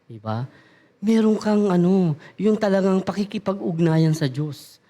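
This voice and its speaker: A man's voice: high-pitched, normal speed. A middle-aged man preaching a sermon in church, talking to the congregation and acting out little everyday dialogues in changing voices. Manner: animated, acts out little dialogues in raised voices.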